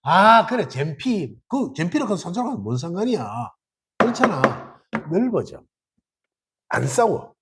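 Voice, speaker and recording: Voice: mid-range voice, sing-song, a little slow, very noisy. A dharma teacher with a Gyeongsang accent giving a Buddhist dharma talk in a temple hall, colloquial and acting out little dialogues. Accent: Gyeongsang Korean.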